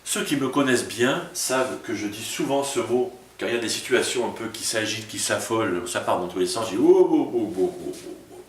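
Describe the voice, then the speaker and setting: A man's voice: on the low side, a little fast, few pauses, fairly bright tone, slight background noise. A man, a pastor, giving an informal sermon-style talk to small groups and often asking "tu vois?". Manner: informal, addresses listener as tu, frequent "tu vois". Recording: roomy echo from a distance with faint ambience.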